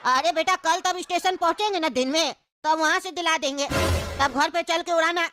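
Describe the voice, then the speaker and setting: A woman's voice: extremely high pitch, moderate pace, music in the background. A woman voicing an elderly grandfather who is patient and indulgent with his grandson in a cartoon comedy. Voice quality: gentle, indulgent.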